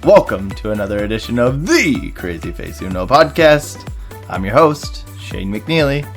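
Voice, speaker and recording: A young man hosting a casual podcast chat, relaxed and rambling, with many fillers. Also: mid-range voice, moderate pace, faint music behind. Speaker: podcast host.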